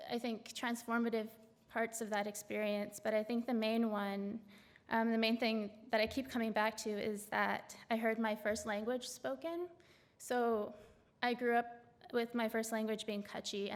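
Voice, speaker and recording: On a large auditorium stage, a woman poet reads her own work in a gravelly, fairly high voice that echoes through the hall. Between measured readings she offers spoken introductions full of hesitant, filler-laden asides.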